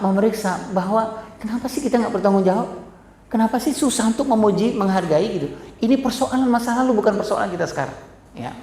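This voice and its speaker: A man's voice: high-pitched, a little mellow. Middle aged guy giving a parenting talk to a hall full of parents, jokes about himself a lot, lots of room echo. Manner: addresses audience directly, frequent self-deprecating humor. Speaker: parenting speaker. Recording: echoey hall.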